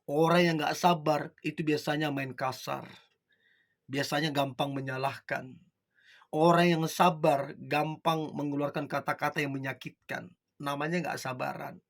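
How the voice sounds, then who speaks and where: A man's voice: on the high side, gravelly, fairly bright tone. A man giving relationship advice to his viewers in an earnest talk, asking the listener question after question. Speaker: motivational speaker.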